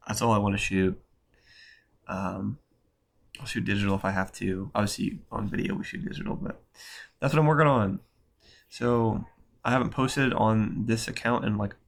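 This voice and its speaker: A man's voice: on the low side, gravelly. A young man talking in a loose, rambling vlog style, full of fillers and slang, his voice nasal from a cold. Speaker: photographer vlogger.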